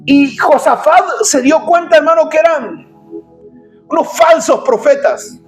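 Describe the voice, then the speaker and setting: High-voiced man preaching emphatically. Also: a little slow, faint music behind. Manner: emphatic, urgent, bursts into shouting. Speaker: pastor. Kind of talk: sermon.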